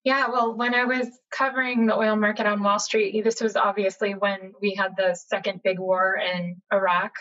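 A woman's voice: medium pitch, moderate pace, few pauses. Chatty American woman on a video call. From United States, Boston area. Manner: chatty, animated storytelling with frequent fillers. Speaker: journalist guest. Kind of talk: casual interview conversation. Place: home room, indoors. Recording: slightly dull lo-fi video call audio.

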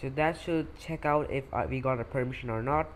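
Guy talking thru a coding tutorial, uh's here and there, average pitch, bit of faint hum behind. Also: brisk. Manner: explanatory, walks through code step by step with fillers. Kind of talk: screen-recorded coding tutorial.

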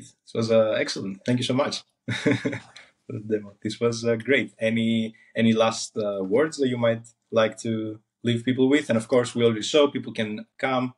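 A man hosting a casual interview, upbeat and quick to praise and affirm his guest. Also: medium pitch, steady tone. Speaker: interview host.

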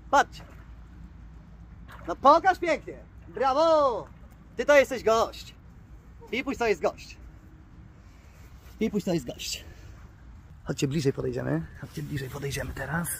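A man vlogging outdoors by the water, excitedly coaxing his pet bird and calling its name. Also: high-pitched, slight background noise. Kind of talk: casual outdoor vlog.

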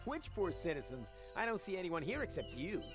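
A man's voice: sits high, big pitch swings, fairly quick. An actor playing a cocky, sarcastic young male adventurer in a video game. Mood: wisecracking. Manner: wisecracking, sarcastic. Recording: game audio with clear background music.

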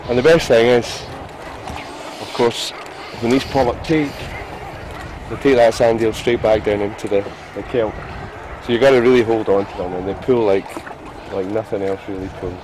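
A middle-aged man, an angler explaining his fly fishing gear to the camera, keen and stumbling over repeated words. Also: mid-range voice. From Scotland. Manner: enthusiastic, repeats and restarts words. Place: small open boat at sea outdoors. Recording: outdoor boat with sea noise. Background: wind, water and boat noise.

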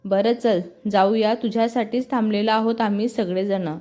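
A woman's voice: a little high, steady tone, warm tone, soft background music, lightly acted. A woman doing a bubbly young office girl. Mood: excited. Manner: bubbly, teasing, quick questions. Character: lively chatty young woman colleague.

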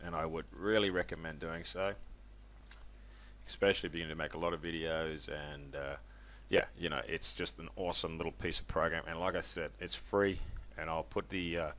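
A man casually walking viewers through a software tutorial, chatty and loose, with many ums and self-corrections. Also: very deep voice, level tone, moderate pace, slight background noise. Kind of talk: casual screen-recorded tutorial.

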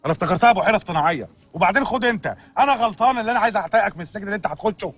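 A man's voice: high voice, lively intonation, fairly bright tone, distant mic, faint music behind. An actor with an Egyptian accent playing a meddling, joking man who teases and stirs up trouble in a comedy series. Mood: teasing. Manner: teasing, mischievous, rapid banter.

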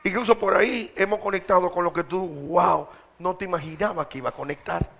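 A man's voice: sits high, brisk, gravelly, fairly bright tone. A man preaching a sermon, exhorting his congregation in a direct, colloquial way.

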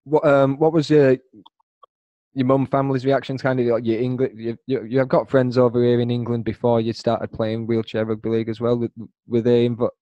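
A man's voice: medium pitch, flat delivery, brisk, mellow, no echo, muffled recording. A man hosting a podcast, asking questions in a friendly, teasing casual chat. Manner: friendly, teasing, laughs easily. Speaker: podcast host.

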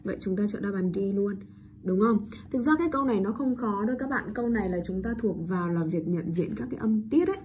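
A woman teacher giving a pronunciation lesson, drawing out and repeating each English word loudly before explaining it. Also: mid-range voice, quick pace, a little hiss or hum.

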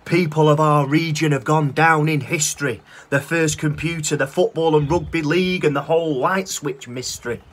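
On a phone held at arm's length by a brick wall outside, a thirtysomething man with a Northern English accent performs a spoken word poem he wrote. His voice sits on the high side at a moderate pace with few pauses, and he delivers rhythmic rhymes with cheek and swearing.

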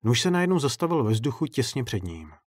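A man narrating a dark short story in steady, measured audiobook style. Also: mid-range voice, no room sound, clean studio sound.

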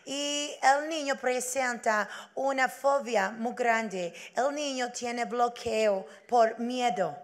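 A woman voicing a female school psychologist who lectures slowly and softly. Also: fairly high pitch. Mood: lecturing. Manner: slow, measured, soft-spoken, preachy.

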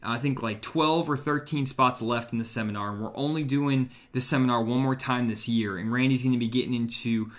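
A man's voice: fairly even intonation, a little fast, few pauses. A young man hosting a live stream, talking casually and eagerly promoting seminars and products with frequent fillers, over a video call from a room at home. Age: young adult. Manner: enthusiastic promotional pitch with fillers. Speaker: host.

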